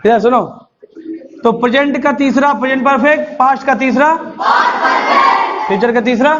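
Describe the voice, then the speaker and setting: A male teacher, giving a live classroom lecture, drilling and coaxing his students and scolding them to repeat aloud. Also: very high voice. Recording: muffled classroom recording with steady noise.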